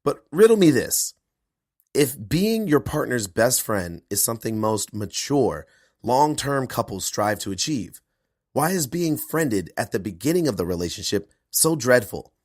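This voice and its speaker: A male podcast host and performance coach delivering an earnest intro monologue, his voice hoarse from a cold. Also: mid-range voice, a little slow, dry recording, studio quality. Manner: earnest, animated, self-promoting.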